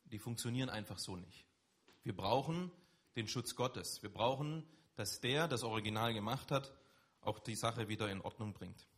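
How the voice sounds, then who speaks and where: Husky-voiced German man preaching. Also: on the low side, normal speed, fairly bright tone. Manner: conversational, emphatic preaching with rising stresses. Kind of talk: sermon.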